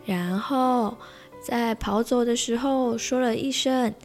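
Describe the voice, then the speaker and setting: A woman reading a children's picture book aloud as a storyteller, with gentle, slow pacing. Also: a little high, fairly even intonation, soft background music.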